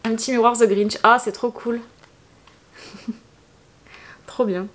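A woman's voice: fairly high pitch, fairly even intonation, takes it slowly. Chatty young woman. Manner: chatty and enthusiastic, many fillers and little exclamations. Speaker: beauty vlogger. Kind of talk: casual unboxing chat.

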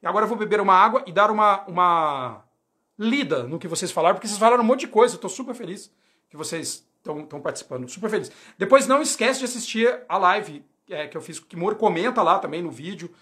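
Man, 40s, casual phone livestream, rapid, high-pitched, rambling, slangy. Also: expressive, sharp tone. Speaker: UX designer hosting a livestream.

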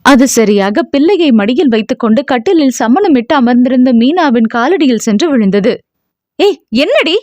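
A woman narrating a novel in a steady storytelling manner. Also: sits high, a little fast, few pauses, dry recording. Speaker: audiobook narrator. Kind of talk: scripted narration.

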